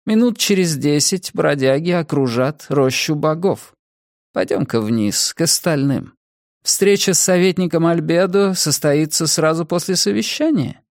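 A man's voice: on the high side, animated, a little slow, no echo, pitched above the performer's own voice. A man voicing a commanding older woman politician who speaks with cold, dry irony. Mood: cold, ironic. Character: aging female political leader, cool and ironic.

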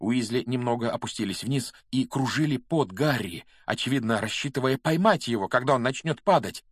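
A man narrating a fantasy audiobook in a brisk, steady storytelling manner. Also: mid-range voice, no echo, clean studio sound. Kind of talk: scripted narration.

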